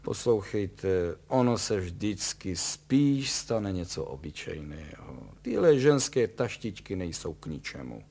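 A man voicing a fidgety, nervous little man who grumbles his replies brusquely, low and gravelly. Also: very animated, darkish tone, exaggerated voice.

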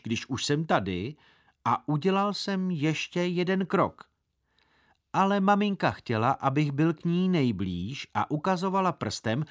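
A man narrating a children's story aloud as a boy in the first person, telling it expressively. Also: medium pitch.

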